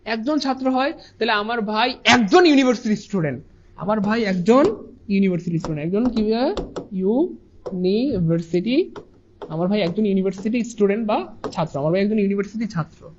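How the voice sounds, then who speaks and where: A man's voice: high voice, expressive, quick pace, slight background noise. A man teaches an English grammar lesson, repeating his points and asking and answering his own questions. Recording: dull lo-fi sound.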